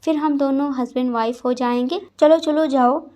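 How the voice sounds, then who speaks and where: A woman voicing a calm, domineering young male mafia boss who speaks softly but gives orders. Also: high-pitched, normal speed, natural voice. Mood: coaxing. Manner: soft-spoken, commanding.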